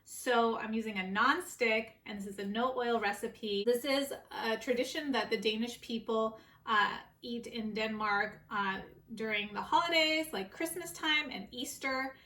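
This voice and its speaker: Bright-voiced woman teaching a recipe. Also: on the high side, a little slow, hardly any pauses. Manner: friendly step-by-step instructions. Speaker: cooking video host. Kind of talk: casual cooking tutorial.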